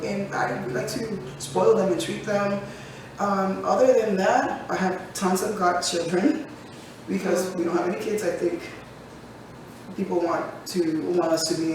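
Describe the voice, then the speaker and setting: This forties-aged co-host from the United States uses a fairly low, steady voice at a measured pace while chatting casually on the podcast, laughing and joking often. The echoey room and distant mic add slight background noise.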